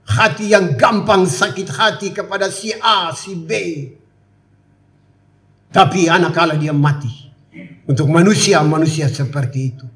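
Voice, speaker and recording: Male pastor, middle-aged, high pitch, emphatic preaching with sudden hushed drops. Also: a little slow, long pauses. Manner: emphatic, swings between loud exclamations and hushed asides. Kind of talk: sermon.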